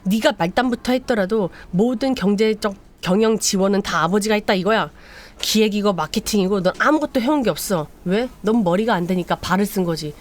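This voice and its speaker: A woman's voice: mid-range voice, brisk, lightly acted. A woman voicing an arrogant, condescending elder brother while retelling a drama story.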